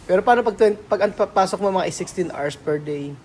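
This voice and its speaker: Man, vlog host, teasing, eager, quick questions, casual interview. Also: sits high, a little mellow, slight background noise. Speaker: vlogger host.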